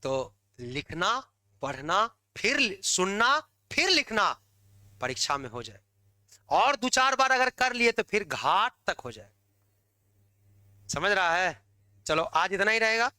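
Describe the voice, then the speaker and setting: A male teacher, high for a man and very bright and forceful in tone. He talks to students in a lively, coaxing and scolding way, with sudden loud bursts. The sound is close and dry. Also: unhurried, long pauses, clear, resonant tone, no room sound. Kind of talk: classroom lecture.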